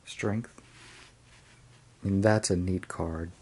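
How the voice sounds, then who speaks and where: A man's voice: sits low, fairly even intonation, takes it slowly, darkish tone, husky. A man casually reviewing and unboxing a tarot deck, hesitant, with frequent ums and restarts.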